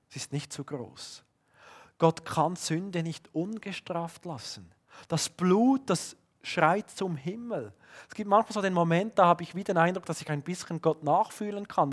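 A man who has children of his own, preaching a sermon and swinging between loud emphatic bursts and hushed, slowed-down lines. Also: fairly high pitch, slightly rough. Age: adult, father of young children.

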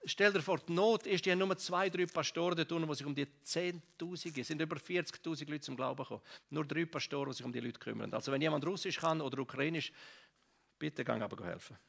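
A middle-aged man with a Swiss German accent, preaching a sermon with stories, lively, swinging from loud to hushed. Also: a little high, quick pace, creaky. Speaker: pastor. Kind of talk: sermon with storytelling.

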